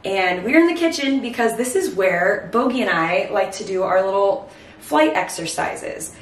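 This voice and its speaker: A woman's voice: medium pitch, lively intonation, moderate pace, slight background noise. Breathless woman in an echoey kitchen. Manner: chatty, explanatory. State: breathless from late pregnancy. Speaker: host of a pet bird channel. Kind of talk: casual instructional talk to camera. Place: home kitchen, indoors. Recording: echoey kitchen, distant mic.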